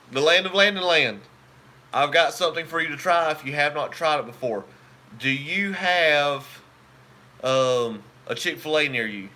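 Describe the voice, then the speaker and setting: A man's voice: medium pitch, sharp tone. A man, hosting a casual live stream and chatting with viewers in a rambling, talkative way.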